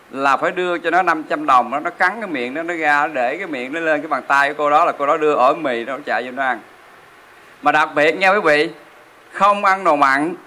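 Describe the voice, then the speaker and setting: A male Buddhist monk preaches in a temple hall. His voice is somewhat high and bright, with a forceful ring. He keeps turning to the audience with rhetorical questions. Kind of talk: sermon.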